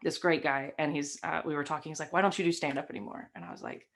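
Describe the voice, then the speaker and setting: A young woman from the Southern United States, with a light Southern American accent, speaks in a deep, creaky voice at a quick pace with fairly even intonation. She's a stream host and comic appearing as a guest in a casual interview chat, telling stories packed with fillers. It was recorded on a webcam in a decorated room at home.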